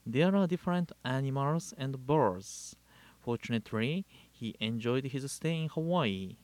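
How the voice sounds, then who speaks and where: A man from Japan with a Japanese accent, a Buddhist minister giving a measured, deliberate Dharma talk and telling a story. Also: medium pitch, lively intonation, darkish tone, no room sound. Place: living in Hawaii.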